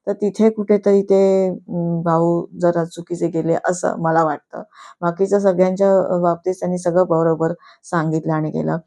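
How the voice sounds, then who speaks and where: A woman's voice: fairly low pitch, fairly even intonation, moderate pace, dark tone. A woman giving a casual, chatty review on her YouTube channel, slipping English words into her talk.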